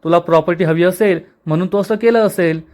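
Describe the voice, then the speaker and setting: A man's voice: sits high, fairly quick, a little mellow, lightly acted. A man reading the lines of a furious young man accusing his family. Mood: angry.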